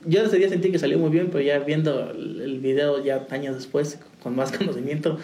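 A man's voice: a little high, steady tone, fairly quick, warm tone. A young man, a musician, telling his story in a rambling, casual way with restarts and laughs. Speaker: musician guest. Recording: roomy, distant, faint noise.

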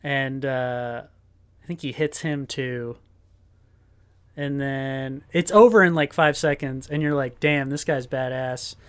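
A man's voice: medium pitch, slow pace, a bit bright, smooth. A man co-hosting a podcast, casually retelling a movie scene by scene with lots of fillers. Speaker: podcast co-host. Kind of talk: casual movie-recap chat.

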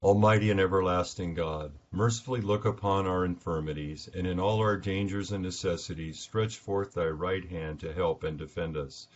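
A man leading morning prayer as a minister, reciting liturgy in a solemn, measured, formal manner. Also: low voice. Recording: dull lo-fi sound.

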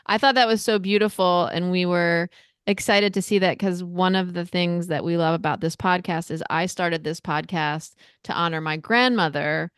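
A woman hosts a podcast and asks her guest questions in a gentle, affirming way. Her voice is smooth and clear and sits a little low for a woman. It is recorded dry and close, with no room sound. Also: fairly even intonation, normal speed, no room sound. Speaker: podcast host. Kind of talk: interview questions.

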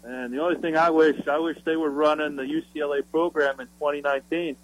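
A man's voice: fairly high pitch, steady tone, fast. A man calling into a radio show over the phone from outdoors, hesitant and stumbling over his words. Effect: heard over the phone, faint and distant. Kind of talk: casual call-in chat. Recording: faint, distant phone line.

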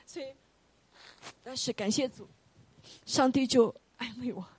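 A woman preaching an earnest, gentle sermon. She keeps asking the congregation rhetorical questions and often tags her points with the English word "right". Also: a little high, unhurried, slightly rough. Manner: earnest, gentle, pastoral delivery.

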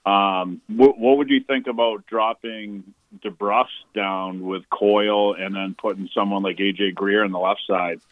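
A man calling in to a sports radio show over a clipped phone line, talking casually and haltingly. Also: on the low side, flat delivery, dry recording. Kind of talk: casual call-in chat. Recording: tinny dry phone line.

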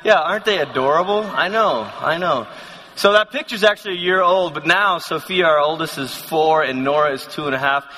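A man's voice: a little high, a little fast, pushed and bright, a little hiss or hum. A man in his thirties from Malaysia, telling personal stories to a conference crowd in a chatty, self-deprecating way with many restarts. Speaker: conference speaker. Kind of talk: sermon, personal storytelling. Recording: long hall reverb.

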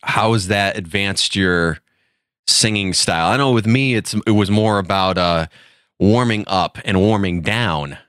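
Bassy, low-voiced man hosting a casual chat. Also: measured pace, fairly bright tone, dry recording, clean studio sound. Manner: chatty, informal. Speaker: music show host, interviewer.

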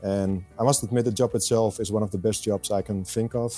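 A middle-aged man from the Netherlands with a Dutch accent, answering interview questions in a measured way with frequent hesitations. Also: lowish voice, steady tone, warm tone, soft background music. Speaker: podcast guest, fund selector.

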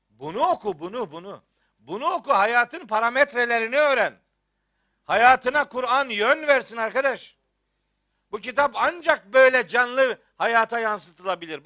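A man's voice: very high-pitched, pushed and bright, dry recording, clean studio sound. A middle-aged man from Rize in Turkey, a Quran teacher giving a religious lecture, scolding with rhetorical questions and teasing humor.

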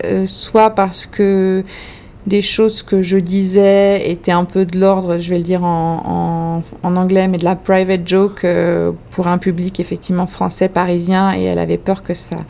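A woman with a French accent speaks in a low voice with a gravelly edge. Her tone is mellow and dark, and she sounds reflective, pausing to find her words as she answers an interviewer. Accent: French from France. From France. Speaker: comedian guest.

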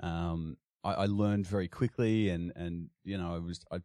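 A man's voice: deep voice, steady tone, normal speed, warm tone, dry recording, studio quality. An Australian man from Sydney, a podcast guest chatting casually about his childhood, with lots of restarts and fillers. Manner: hesitant, many restarts and fillers, frequent laughs. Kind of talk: casual interview chat.

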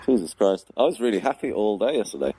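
A man's voice: fairly low pitch, big pitch swings, fast talker, warm tone, slightly rough, low-quality recording. A man, a comedy club promoter and compere, chatting as a guest on radio in a rambling way, laughing often and filling with ums. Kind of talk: casual radio chat. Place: radio studio.

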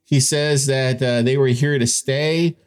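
A man's voice: mid-range voice, fairly even intonation, unhurried, clear, resonant tone. Emphatic man giving informal news commentary. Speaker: host of a crypto news show.

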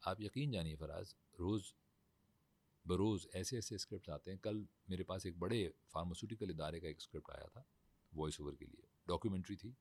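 Low-voiced voice-over guy, formal emphatic storytelling, dry close mic. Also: darkish tone, dry recording. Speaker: voice-over artist and host. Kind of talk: casual studio conversation.

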